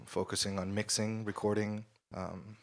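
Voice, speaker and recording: A man's voice: fairly low pitch, moderate pace, gravelly. A man from Ecuador, a studio manager and engineer, speaking on a conference panel with frequent fillers and restarts. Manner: relaxed, with many fillers and restarts. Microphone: shared handheld mic.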